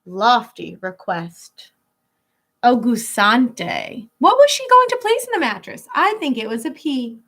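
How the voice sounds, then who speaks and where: A woman teacher whose voice is on the high side reads a children's picture book aloud. Expressive and instructive, she lingers on key words and breaks off to explain them.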